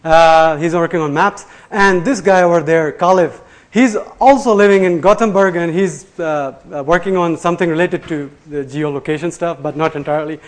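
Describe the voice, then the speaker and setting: A man's voice: a little high, moderate pace. Chatty man giving a live tech talk. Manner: loose and chatty, many fillers and restarts, laughs at himself. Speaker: conference presenter. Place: lecture room before an audience.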